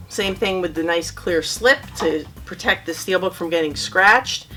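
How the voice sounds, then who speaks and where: A woman's voice: on the low side, fairly bright tone. A woman chatting casually to camera as she shows her monthly movie haul, rambling a little and correcting herself as she goes. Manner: chatty and rambling, with frequent ums and self-corrections. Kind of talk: casual unboxing chat to camera.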